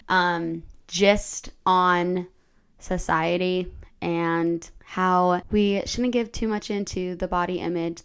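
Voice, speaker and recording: A young woman talks straight to camera in a casual, earnest vlog, leaning on fillers as she goes. Her voice sits a little low for a woman. It sounds smooth and clear. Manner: chatty and earnest, with filler words. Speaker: vlogger.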